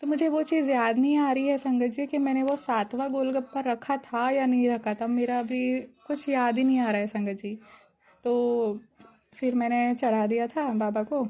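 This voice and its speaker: A woman's voice: on the high side, fairly even intonation, normal speed, mellow. Giggly young woman sharing a devotional story. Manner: chatty, giggly, grateful. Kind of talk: casual spoken testimony.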